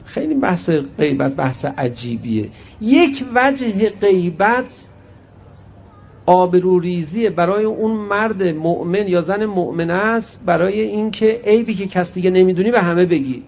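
A man preaching a religious sermon, reciting Arabic hadith slowly and then explaining them conversationally to his audience. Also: high voice, vocal fry. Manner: animated storyteller addressing the audience directly. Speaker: cleric preacher. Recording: muffled lo-fi recording.

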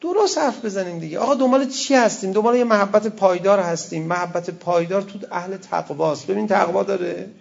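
Male cleric, conversational sermon with wry asides, gravelly voice, dull lo-fi sound. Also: high-pitched, few pauses. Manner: conversational preaching with wry asides and quoted poetry. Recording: dull lo-fi recording.

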